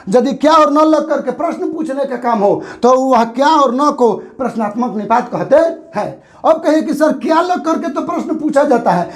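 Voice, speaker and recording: A man teaching a grammar lesson for exam preparation, who asks questions and answers them himself and repeats the key terms. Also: very high voice.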